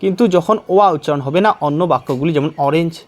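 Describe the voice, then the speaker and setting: A man teaching an exam-prep lesson, explaining patiently step by step, asking questions and reading example sentences slowly. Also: a little high.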